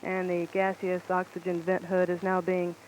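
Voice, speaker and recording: A man's voice: sits high, completely flat delivery, normal speed. A man making a live countdown announcement in mission control radio style, as a launch commentator. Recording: noisy archival mission control radio feed.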